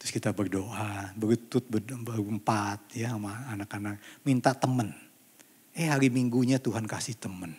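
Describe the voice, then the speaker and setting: A man's voice: fairly low pitch, steady tone, normal speed, darkish tone, breathy edge. Man preaching in a reverberant church hall. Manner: conversational, mixes English phrases, rises to emphatic exhortation. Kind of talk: sermon.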